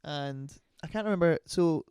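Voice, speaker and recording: A young man co-hosts a relaxed book podcast, drifting onto tangents and joking at his own expense. His voice sits a little high for a man and sounds smooth and clear. The mic is close, with no room sound. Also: normal speed, dry recording. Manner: rambling, goes off on tangents, self-deprecating. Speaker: podcast co-host. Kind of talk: casual chat.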